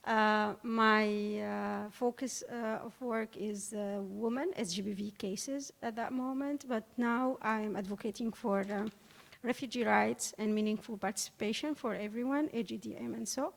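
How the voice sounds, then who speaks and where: A woman from Syria introducing herself at an online panel. She speaks haltingly, with many fillers. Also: a little high, steady tone, gravelly. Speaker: panel participant, researcher. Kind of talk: self-introduction on a video call.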